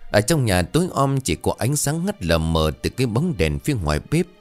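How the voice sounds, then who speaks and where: A man narrates a horror tale in a low voice. His delivery is dramatic, with wide swings in pitch. Soft music plays underneath. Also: normal speed. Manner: dramatic, expressive reading. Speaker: storyteller.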